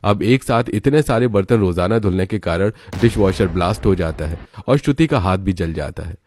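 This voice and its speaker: A man's voice: low voice, expressive, moderate pace, a little mellow, a little hiss or hum. A man giving scripted storytelling narration for a cartoon.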